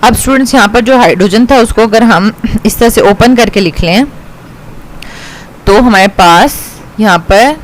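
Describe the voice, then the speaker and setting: A woman's voice: on the high side, moderate pace, low-quality recording. Woman chemistry teacher with a Pakistani accent. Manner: patient, repeats "ठीक है" to check understanding, mixes in English. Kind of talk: classroom lecture explaining reactions step by step.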